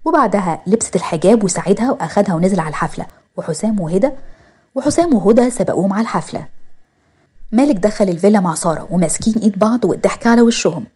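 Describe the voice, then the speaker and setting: A woman's voice: medium pitch, rapid-fire, warm tone, husky. A woman with an Egyptian accent narrating a read-aloud story.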